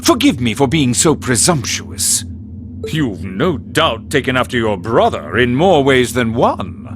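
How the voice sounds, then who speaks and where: An actor playing a flamboyant gentleman thief in a video game, smug and teasing, with florid, theatrical phrasing. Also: mid-range voice, very animated, measured pace, faint music behind. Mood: amused, theatrical.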